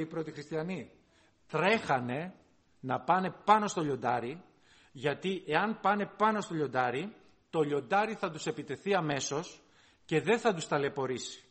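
A man preaching a sermon, emphatic and full of rhetorical questions, swinging between loud and hushed delivery. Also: on the high side.

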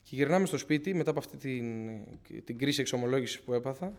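A man's voice: mid-range voice, animated. A young man earnestly giving a personal faith testimony to his congregation, often restarting and repeating himself as he retells what happened. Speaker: church member giving testimony.

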